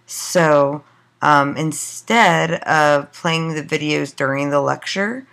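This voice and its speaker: A hoarse woman lecturing to a class, her voice fraying as she loses it. The tone is bright and edged, with a gravelly fry underneath. She asks one rhetorical question after another, with plenty of ums along the way. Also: sits low, slow. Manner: loose, filler-heavy lecturing with rhetorical questions. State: losing her voice.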